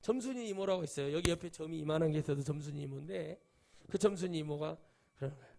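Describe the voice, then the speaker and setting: Gravelly pastor preaching a sermon. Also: male voice, fairly high pitch, fast, noisy background. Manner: conversational, acts out quoted voices, swings between loud and hushed. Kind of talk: Sunday sermon with storytelling.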